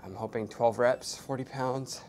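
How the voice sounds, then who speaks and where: A man's voice: mid-range voice, fairly even intonation, measured pace, a little mellow, slight background noise. A young man talking casually to camera between sets in a small hotel gym, rambling with lots of fillers. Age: young adult. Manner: laid-back, rambling with many fillers. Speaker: fitness vlogger. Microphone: small clip-on mic, camera at a distance.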